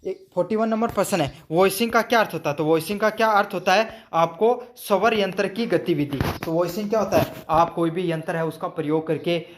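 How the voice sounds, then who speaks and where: A man's voice: sits high, fairly quick, few pauses, slight background noise. A young male teacher giving an exam-prep lecture, asking his own questions, answering them and repeating answers for students to memorize, with English terms mixed in. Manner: mixes English terms into Hindi.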